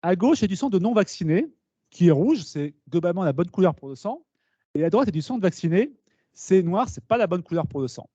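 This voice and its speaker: A man giving a lively conference talk to students, explaining with asides and questions to the audience. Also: sits high, fast talker, no room sound. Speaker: speaker at a talk. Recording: dull, slightly lo-fi meeting recording.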